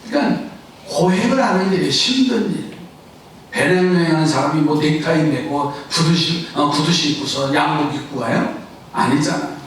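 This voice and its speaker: A man preaching a Sunday sermon, his fairly high voice carrying from a distance through a very echoey sanctuary. He tells a story with jokes and keeps asking the congregation to answer him, with a faint hiss underneath. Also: normal speed. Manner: humorous, asks the congregation questions and urges answers. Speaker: pastor. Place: church sanctuary. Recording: very echoey hall, voice from far off.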